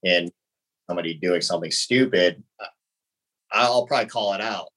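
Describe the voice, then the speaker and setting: A man's voice: sits low, normal speed, fairly bright tone, low-quality recording. A man in his thirties from the United States, a podcast guest talking casually and laughing lightly between answers. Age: 30s. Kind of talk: casual conversation.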